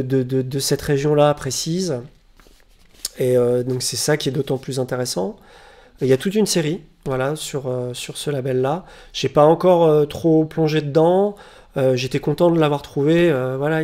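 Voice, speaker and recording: Gravelly man chatting about his records. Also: fairly high pitch, warm tone. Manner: hesitant, many fillers and restarts. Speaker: vinyl collector presenting records. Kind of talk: casual record haul vlog. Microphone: webcam.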